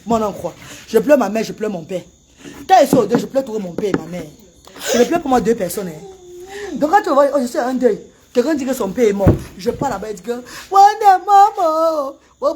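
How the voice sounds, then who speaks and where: A woman from Cameroon, chatting casually on a live stream and breaking into loud wailing chants. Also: on the high side, a little hiss or hum. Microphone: phone camera.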